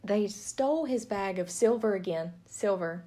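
A woman's voice: mid-range voice, lively intonation, normal speed, warm tone. A woman co-hosting a podcast, chatting casually about a book, joking and laughing often. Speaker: podcast co-host. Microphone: podcast mic.

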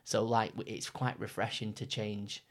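Young man, lowish pitch, casual podcast talk, rambling, filler-heavy. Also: little pitch movement, moderate pace. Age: young adult. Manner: rambling, many fillers and restarts. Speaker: trainee counsellor, podcast co-host. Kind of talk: casual chat.

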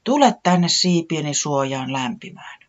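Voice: medium pitch, expressive, close to an everyday voice. Casting: soothing mother bird, inquisitive and anxious, as a reader puts her on; lo-fi audio. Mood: concerned. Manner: soft, questioning and soothing. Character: caring motherly bird, gently worried.

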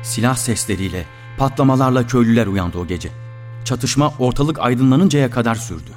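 A man narrating a literary story in the first person, in a somber, reflective way, with soft guitar music behind him. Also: mid-range voice, lively intonation, brisk.

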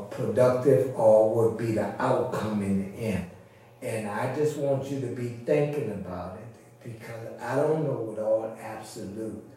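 Preaching in a folksy, conversational sermon style, a man teaches with repeated points for emphasis and calls for amen. His voice is on the low side with a dark tone, recorded with a distant mic in a very echoey room.

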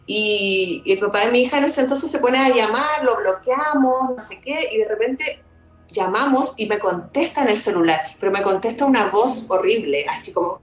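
A woman guest telling a paranormal story in a live chat, animated, acting out her own reactions. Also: mid-range voice, roomy sound, low-quality recording.

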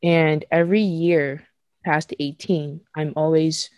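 Low-voiced young woman on a podcast. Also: fairly even intonation, slow pace, darkish tone, no room sound. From Nigeria. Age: 20s. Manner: frank and emotional, swears casually, laughs between thoughts. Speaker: podcast host. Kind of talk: candid podcast conversation.

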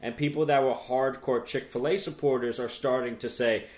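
Male podcast co-host, halting and searching, with an echoey room sound. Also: medium pitch, fairly even intonation, a little mellow. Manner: searching, filler-heavy, halting. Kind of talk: casual podcast banter.

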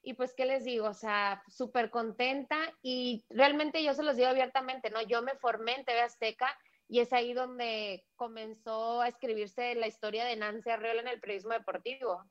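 A woman, a sports journalist, telling her story in a lively way over a remote call and acting out the people she quotes. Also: on the high side, moderate pace. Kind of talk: animated storytelling in a casual interview. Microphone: remote video call. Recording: dull lo-fi call audio.

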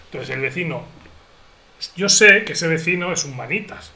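A man in his thirties chatting casually on a panel, telling funny stories with squeaky acted quotes. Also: lively intonation, moderate pace, gravelly, sharp tone. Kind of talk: casual chat. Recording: echoey room with crowd noise.

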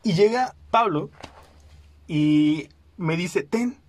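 A young man with a Mexican Spanish accent, telling a funny personal story in a casual, animated way. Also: on the high side, moderate pace. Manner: animated, acts out quoted voices, frequent fillers. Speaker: podcast host.

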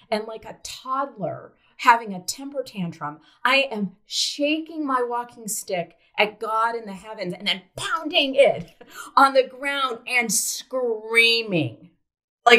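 A woman's voice: mid-range voice, sharp tone. A middle-aged woman from South Dakota telling a personal story in an earnest, reflective way, with hesitant fillers. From South Dakota, United States.

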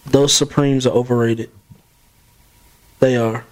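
A man, co-hosting a casual podcast chat and ranting loudly with plenty of profanity. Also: medium pitch, flat delivery, slow pace, poor audio. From South Carolina. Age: 30s. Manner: loud, profane, opinionated ranting. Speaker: podcast co-host.

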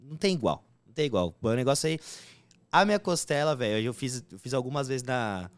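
A man chatting casually on a podcast, bragging in relaxed slang. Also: medium pitch, a little fast, dry recording. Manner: laid-back, bragging with slang like "velho" and "mano". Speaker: podcast co-host. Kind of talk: casual chat.

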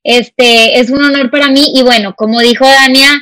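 A woman's voice: sits high, steady tone, normal speed, sharp tone, no echo. A woman in her twenties with a northern Mexican accent from Monterrey, chatting effusively and emphatically as a podcast guest. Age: 20s. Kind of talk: casual conversational interview. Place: remote call recording.

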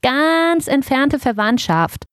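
High squeaky ermine girl, posh and proud, storybook animal, dry close sound, woman reading. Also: expressive, moderate pace, a little mellow, no echo. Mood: haughty. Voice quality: squeaky, piping. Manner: haughty, refined. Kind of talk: audiobook character voice.

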